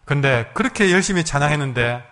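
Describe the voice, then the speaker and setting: A man's voice: fairly high pitch, lively intonation, quick pace, a bit bright. A male pastor preaching a sermon emphatically, acting out his congregation's words.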